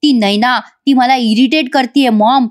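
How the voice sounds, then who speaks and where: This is a hot-tempered young man who snaps and issues threats, as a woman acts him out while retelling a TV serial. His lines come slow and pointed. The voice stays fairly high. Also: lightly acted. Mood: angry. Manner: snapping, threatening.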